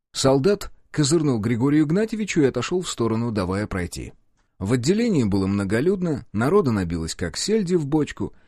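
A male narrator reads a first-person story with expressive irony, his pitch rising and falling widely. The sound is dry and close, with no room echo. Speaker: audiobook narrator.

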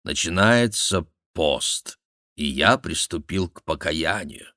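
A man's voice: low-pitched, animated, takes it slowly, sharp tone, no room sound, studio quality, exaggerated voice. A man reading an audiobook, voicing a stern, weary king who gives commands. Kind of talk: audiobook character voice.

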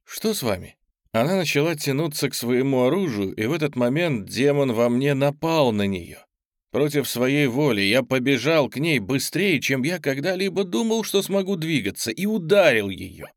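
A man narrating an audiobook in an even, measured reading voice. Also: medium pitch, dry recording, studio quality.

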